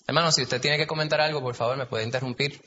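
A man with a Puerto Rican accent leads a Bible study conversationally, asking the group questions. His mid-range voice is steady, quick, bright and forceful. The recording is dull and echoey, made in a hall, with faint hiss.

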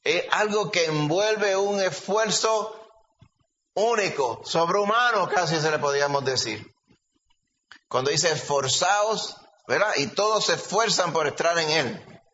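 Bright-voiced preacher. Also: male voice, sits high, a little slow. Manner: animated, storytelling, addresses listeners as brother. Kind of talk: sermon. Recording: dull lo-fi recording, faint ambience.

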